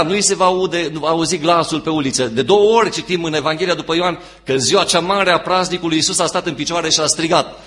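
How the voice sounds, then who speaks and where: A man preaching a sermon as pastor, stressing phrases with repetition and dropping to quiet, low asides. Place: church.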